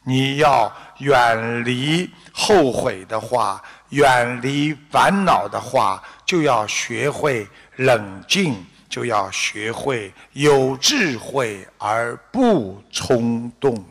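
A man with a Shanghainese-accented Mandarin, giving a deliberate, unhurried Buddhist dharma talk with a parable in a hall. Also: mid-range voice, animated, a bit bright. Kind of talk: slow measured sermon with parable.

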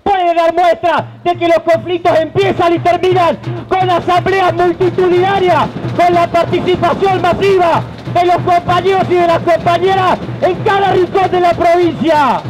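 Music plays in the background of this rough recording as a man in his forties speaks in an extremely high pitch, steady in tone and moderate in pace, with hardly any pauses. He is an Argentine union leader with an Argentine Spanish accent, impassioned and gesturing, shouting at times during a protest speech into a handheld mic on an outdoor stage under a tent at a rally.

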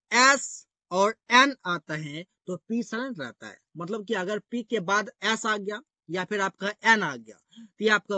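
A man's voice: high-pitched, sharp tone, dry recording. A man teaching English grammar rules in a repetitive, explanatory way, often calling his viewers guys.

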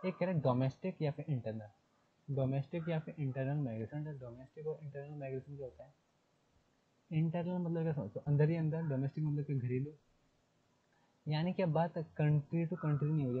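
Husky-voiced male teacher on a tinny line. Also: on the high side. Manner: repeats key terms, asks and answers his own questions; reads English text slowly before explaining. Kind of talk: classroom lecture in Hindi mixed with English. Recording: phone-like lo-fi sound.

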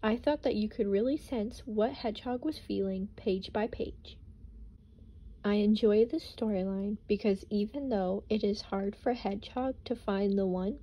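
A young woman, a student teacher, reads a children's picture book aloud and explains vocabulary words in a slow, explanatory way. Her voice is mid-range with a dark tone.

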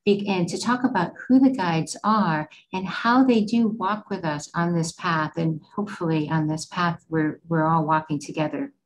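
A woman's voice: on the low side, normal speed, few pauses. A middle-aged woman hosting an online event and introducing speakers in an informal way. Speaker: host and moderator. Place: indoor room with plain wall. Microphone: video call. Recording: faintly noisy video call audio.

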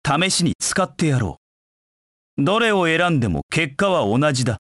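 A man's voice: fairly high pitch, very animated, moderate pace, fairly bright tone, no echo, studio quality. An actor playing a proud, cold hedgehog knight in a Japanese video game, curt and disdainful in his delivery. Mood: haughty, confident. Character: proud, cold anthropomorphic hedgehog knight, a brooding young male rival.

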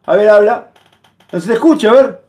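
A man's voice: high voice, fairly quick. A man hosting a heated live-stream call-in, badgering callers with repeated insults. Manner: insulting, repetitive, badgering shouts. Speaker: streamer taking calls.

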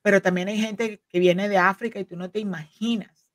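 Fairly quick and mid-range with fairly even intonation, her voice comes through dry with clean studio sound. She's a woman in her forties and native Spanish speaker, an immigration legal counsel guesting in an explanatory interview, earnest in tone but full of fillers and restarts, on a desk mic over a video call from home.

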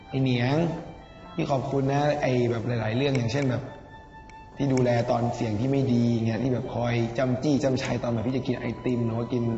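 Young man teasing in a roomy room. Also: mid-range voice. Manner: teasing, big-brotherly advice. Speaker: departing contestant. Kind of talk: casual farewell message. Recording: roomy, distant, muffled with music. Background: music.

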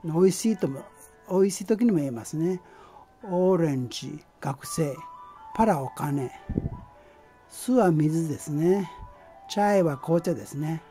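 Man, amateur teacher, mellow tone, halting and patient, faint music behind. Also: fairly high pitch, lively intonation. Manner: patient, halting explanation with many fillers. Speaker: language teacher. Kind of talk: amateur language lesson.

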